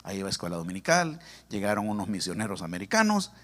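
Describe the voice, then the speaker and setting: A man with a Salvadoran accent delivers a sermon with personal testimony in a church sanctuary, speaking fast in a fairly low voice. Originally from El Salvador, he's humorous and animated, talking right to the congregation.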